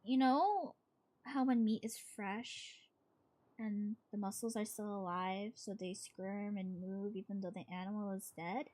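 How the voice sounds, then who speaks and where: A woman's voice: mid-range voice, steady tone, unhurried, a little mellow, lightly acted. Woman playing an eerily soothing young horror-story girlfriend. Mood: eerie.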